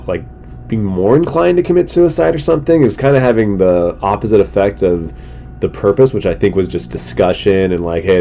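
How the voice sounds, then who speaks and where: Hosting a solo podcast, a middle-aged comic delivers a casual, rambling monologue full of slang, his mellow voice congested and sick. He's clearly losing his voice and clears his throat, while noticeable rumbling noise sits in the background.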